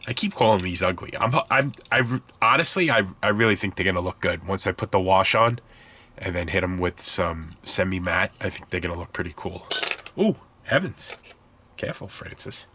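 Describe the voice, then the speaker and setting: Speaking briskly in a low, pushed, bright voice over slight background noise, a stuffed-up, congested man shows off his scale model build. This casual hobby tutorial has him rambling and frequently correcting himself.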